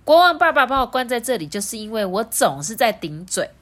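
A woman voicing a bossy young princess locked in a tower, crying out shrill demands. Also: big pitch swings, brisk, fairly bright tone. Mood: demanding.

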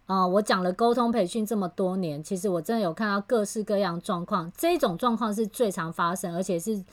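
A woman with a mid-range, brisk voice explains communication skills in a casual, explanatory chat. She's a communication trainer and podcast host, an animated storyteller who explains things patiently.

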